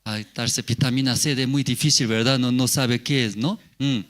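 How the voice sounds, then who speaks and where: A man's voice: mid-range voice, steady tone, moderate pace, a bit bright. A male pastor giving a sermon, asking the congregation rhetorical questions and repeating key words.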